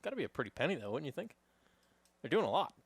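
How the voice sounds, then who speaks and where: A man's voice: fairly high pitch, big pitch swings, very fast, creaky, slightly rough, no echo. A man with a New York accent co-hosting a podcast, teasing his friend with hypothetical questions in casual banter. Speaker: podcast co-host.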